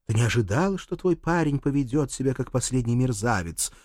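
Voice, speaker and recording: A man voicing a gentle, patient male angel in an audiobook, speaking in a soothing way. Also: medium pitch, expressive, a little fast, natural voice.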